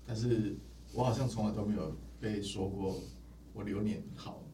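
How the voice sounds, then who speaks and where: A man's voice: on the low side, steady tone, normal speed, dark tone, a little hiss or hum. A man from southern Taiwan, a studio guest asking a question, sounding hesitant and subdued. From Kaohsiung, Taiwan. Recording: distant echoey room mic.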